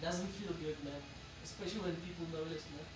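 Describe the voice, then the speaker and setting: A man in casual chat, laid-back and quick to laugh. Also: fairly high pitch, recorded from a distance, noisy background. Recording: echoey room, off-mic, music behind.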